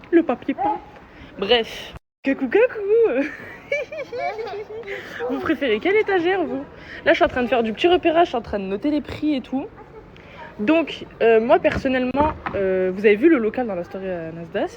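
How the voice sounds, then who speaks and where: A woman's voice: on the high side, background noise. A young woman chatting casually and playfully to her viewers in a vlog, filmed on a handheld phone. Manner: chatty, slangy and playful, asks viewers' opinions. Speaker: vlogger. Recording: dull lo-fi phone audio with music behind.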